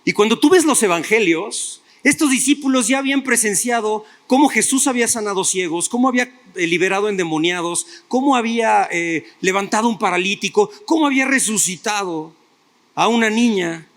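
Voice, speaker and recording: A man's voice: sits high, lively intonation, a little fast, a bit bright. A male pastor preaching a sermon, retelling stories and putting rhetorical questions to his listeners.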